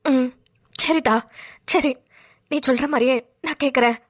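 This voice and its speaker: A woman voicing a stern, resolute elderly village grandmother in a cartoon, speaking bluntly and gravely. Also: high-pitched. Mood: resigned. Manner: blunt, unrepentant, slow and grave. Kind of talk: cartoon voice acting.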